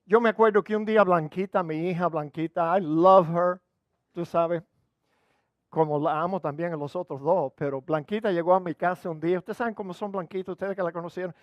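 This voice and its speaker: An older male pastor delivers a sermon in a relaxed, storytelling manner full of humor. His voice sits fairly high, and he slips English phrases into his preaching. The sound is close and dry. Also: brisk, dry recording, highs cut off. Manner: humorous storytelling, conversational, code-switching into English. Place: church.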